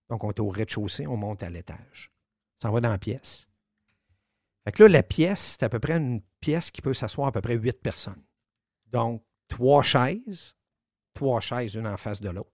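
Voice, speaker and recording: A man with a Quebec French accent telling a story on the radio, animated, swearing and acting out the dialogue. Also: medium pitch, no echo, clean studio sound.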